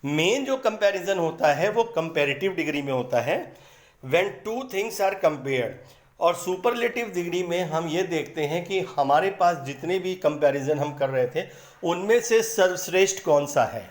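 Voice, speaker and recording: A man with a high voice teaches grammar in a patient, explanatory way. He repeats words slowly to break them into syllables. The room around him is echoey. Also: expressive. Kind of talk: explanatory lesson in Hindi.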